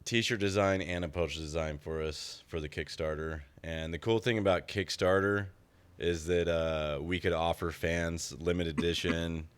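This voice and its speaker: A man who makes documentaries, a podcast guest explaining his project in a relaxed, keen way. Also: deep voice, moderate pace, clean tone. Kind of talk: casual interview chat. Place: small stuffy room.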